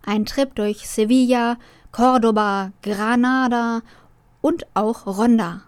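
A young woman presenting on campus radio in a bright, conversational way. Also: on the high side, fairly even intonation, takes it slowly, clear, resonant tone, no echo. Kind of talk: radio moderation. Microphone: studio microphone.

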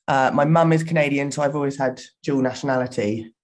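A woman's voice: rumbling low, a little fast. A woman in her thirties from southern England with a Home Counties accent, chatting casually as a podcast guest. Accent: southern English, Home Counties. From England, born in west London, grew up in Surrey. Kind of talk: casual chat.

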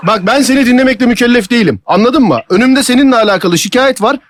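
A man's voice: extremely high pitch, quick pace. A man making a prank phone call, posing as a stern official who scolds and talks over the person he has called.

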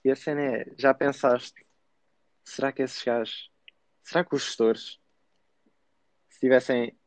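A young man with a European Portuguese accent bantering casually as a podcast co-host, in slangy, animated storytelling. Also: medium pitch, a little slow, dry recording. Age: young adult. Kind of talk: casual banter between friends. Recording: slightly dull, dry close sound.

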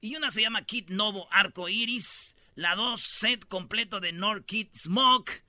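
A male comedy host with a Mexican Spanish accent rambles through slangy, joking stories. His voice is high and strikingly bright and sharp. The sound is close and dry. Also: measured pace, no echo. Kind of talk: comic radio banter.

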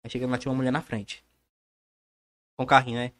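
A man talks casually as a guest in a conversation. His delivery is very quick yet halting, doubling back on words and phrases, at a medium pitch. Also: level tone, fairly bright tone. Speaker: interview guest. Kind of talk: casual chat.

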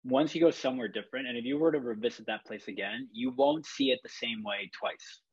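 A man's voice: medium pitch, very animated, brisk, gravelly, slightly rough, dull audio. A man from Chile, a photographer, talking in a rambling, reflective way with many fillers and restarts. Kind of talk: casual podcast chat.

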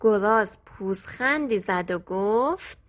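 A woman storyteller gently reading a children's story aloud. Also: medium pitch, lively intonation. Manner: gentle, clear, friendly storytelling. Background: soft background music.

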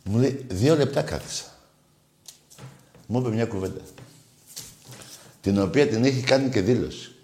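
A man's voice: medium pitch, pauses often, darkish tone, echoey room. A man hosting a call-in radio show, telling stories animatedly and teasing callers. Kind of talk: casual call-in radio chat.

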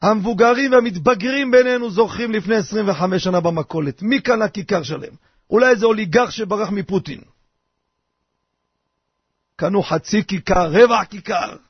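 An older man, a rabbi, giving a lively radio sermon full of rhetorical questions in a husky voice. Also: high-pitched, no room sound. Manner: animated, theatrical, rhetorical questions. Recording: dry, dull lo-fi radio recording.

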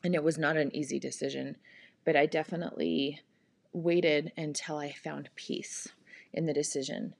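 A woman in her forties hosting a podcast, talking through personal changes in a gentle, thoughtful way with many pauses and fillers. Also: low-pitched, steady tone, creaky, husky, dry recording. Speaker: podcast host. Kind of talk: reflective personal monologue.

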